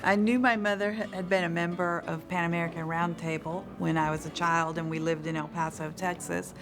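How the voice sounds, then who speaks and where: Low-pitched woman, brisk and wry. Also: steady tone. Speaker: association member. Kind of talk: interview testimonial.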